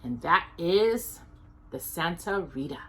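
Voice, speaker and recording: A storytime host from Texas, in the United States, reads a nonfiction children's book slowly in a lowish, husky, expressive voice. Chatty, informal asides punctuate her reading, and longer words trip her up.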